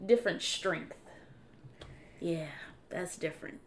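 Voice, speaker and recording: A woman guest in a casual faith chat, speaking in a relaxed, affirming way and thinking aloud. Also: fairly low pitch, slow, in a whisper. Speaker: podcast guest.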